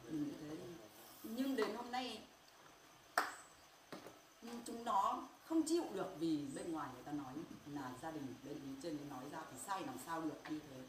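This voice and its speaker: A woman's voice: low voice, moderate pace. Middle-aged woman, grieving mother, pained insistent talk, distant from the mic, echoey noisy room. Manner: pained, insistent, repeats herself. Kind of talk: emotional family confrontation.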